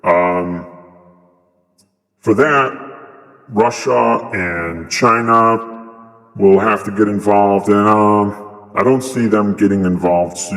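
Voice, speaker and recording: A man's voice: on the low side, in a large hall. A man playing a smug, callous God. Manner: deadpan, sarcastic, reads viewer questions aloud. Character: smug, callous male God character, cruel and casual. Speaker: streamer in character. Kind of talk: in-character livestream chat.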